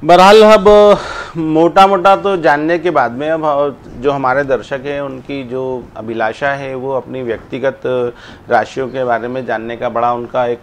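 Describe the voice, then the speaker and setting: A man's voice: mid-range voice, steady tone, measured pace, a little hiss or hum. A man hosting an interview, asking formal, probing questions of his guest. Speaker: interviewer host.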